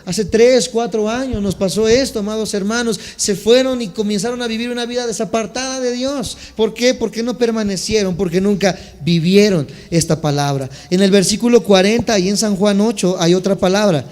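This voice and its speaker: A pastor preaches to his congregation, teaching the meaning of scripture words and asking listeners to answer back. His voice sits high for a man. The sound carries a long reverb from the church hall. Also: moderate pace, hardly any pauses, darkish tone. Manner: teaching Bible words, asks congregation to respond. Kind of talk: sermon. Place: church sanctuary.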